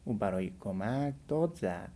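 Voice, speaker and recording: A man with a Persian accent teaching English, slowly repeating each English phrase and then translating it. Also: on the low side, lively intonation, mellow. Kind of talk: language lesson.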